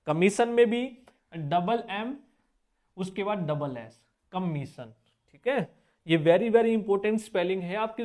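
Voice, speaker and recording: A man teaching a spelling lesson for exam preparation. He breaks words apart letter by letter and keeps checking in with his students through short questions. He repeats the tricky points and coughs now and then. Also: high voice. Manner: coaxing students with quick check-back questions.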